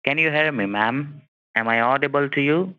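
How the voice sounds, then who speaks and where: A man's voice: mid-range voice, clean tone, no echo. A man calling as phone support, heard over a bad phone connection, insistently repeating himself and asking if he can be heard. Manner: repeats polite address, slow and insistent. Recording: tinny, dry phone line.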